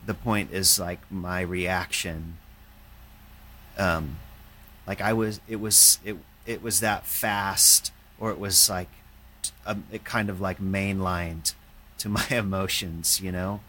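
A man, a painter, talking in a halting, reflective way, with many fillers and restarts. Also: deep voice, steady tone, sharp tone, a little hiss or hum. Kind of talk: casual conversation.

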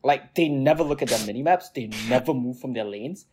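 A man's voice: mid-range voice, brisk, a little hiss or hum. A man co-hosting a gaming podcast, talking casually and getting worked up as he rants about teammates. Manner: excitable, worked up, ranting. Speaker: podcast co-host, jungle player.

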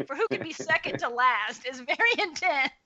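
Slightly muffled recording, woman, podcast co-host, bright forceful voice, casual banter. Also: high voice, animated, moderate pace. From southern United States, New Orleans area.

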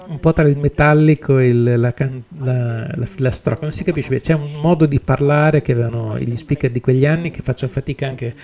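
A man with a gravelly, mellow voice hosts a live podcast. He talks casually and keeps pausing and restarting as he works the mixer. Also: medium pitch, fairly even intonation. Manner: hesitant, full of fillers and restarts while working the gear. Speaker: podcast host.

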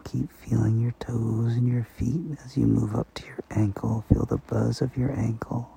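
A man softly guiding a sleep meditation, speaking slowly and slipping into whispers. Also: mid-range voice, steady tone, vocal fry, husky. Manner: slow, soft-spoken, partly whispered. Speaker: meditation guide.

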